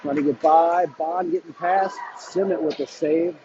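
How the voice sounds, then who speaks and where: A man doing live hockey play-by-play commentary in quick, clipped calls that jump up on shots. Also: fairly high pitch. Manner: rapid clipped calls, bursts of excitement on shots. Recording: dull lo-fi stream audio with noise.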